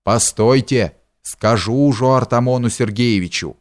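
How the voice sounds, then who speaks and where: A man's voice: mid-range voice, measured pace, lightly acted. A man reading the lines of a young prince in an audiobook, in a stern, commanding way. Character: young prince, angry then worn out.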